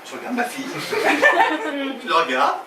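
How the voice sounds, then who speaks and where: A man doing live stand-up, his voice high and bouncing all over as he acts out voices and chats with the crowd. He sounds distant in an echoing room, with the audience clearly audible behind him. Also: normal speed, background noise. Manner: animated storytelling, loud put-on voices, crowd banter. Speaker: stand-up comedian. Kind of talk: stand-up comedy routine. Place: comedy stage with live audience. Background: audience laughter.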